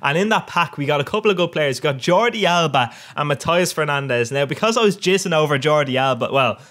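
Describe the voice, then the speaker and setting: A man's voice: a little high, animated, fairly quick, a bit bright. A young man giving cheeky, crude gameplay commentary, often laughing at his own jokes. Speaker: gaming YouTuber.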